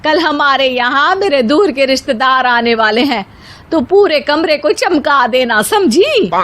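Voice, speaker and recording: A woman playing a bossy Indian mother-in-law who scolds and gives orders in drawn-out, commanding phrases. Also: high voice, lively intonation, a bit bright. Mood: bossy, calling out.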